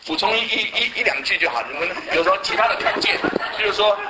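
A man leading a group Bible study, asking the group quick questions and reading scripture aloud with them. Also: sits high, animated, very noisy. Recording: voices of a group reading along in a room.

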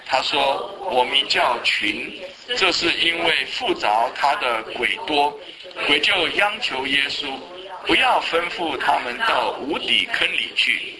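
Brisk man leading a group Bible study. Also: on the high side, expressive, a crowd in the background, low-quality recording. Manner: brisk, with quick asides and questions to the group. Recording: voices of a group reading along in a room.

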